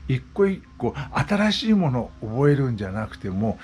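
A man's voice: medium pitch, big pitch swings, moderate pace, a little mellow. A man in his sixties talking casually as a vlogger, explaining things with repeated examples. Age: 60s. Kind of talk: casual monologue. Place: West Oahu, Hawaii.

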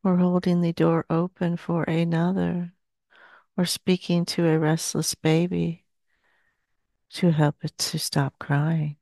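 A woman in her sixties trance channeling as a seance medium, speaking solemnly and slowly with long pauses. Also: fairly low pitch, little pitch movement, creaky, mellow, no echo, studio quality. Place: small dim indoor room. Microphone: headset.

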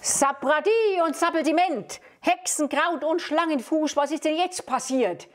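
A woman's voice: high voice, measured pace, voice pushed up. A woman puppeteer voicing a scheming male wizard who bosses everyone around and grumbles at his mistakes. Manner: bossy, grumbling. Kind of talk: Bavarian puppet show.

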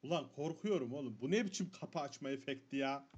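A man's voice: mid-range voice, expressive, fairly quick, darkish tone, slightly rough. A man commenting on a horror game as he plays, jumpy and swearing, muttering prayers under his breath when scared. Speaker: gaming streamer. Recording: dull lo-fi mic with faint noise.

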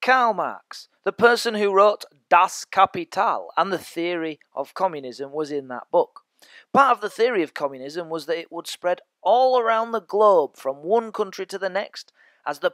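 A man's voice: high voice, fairly bright tone, dry recording. A man teaching a history lesson as a podcast, chatty and joking with his listeners. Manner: chatty, jokey asides to listeners. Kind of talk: educational podcast lecture.

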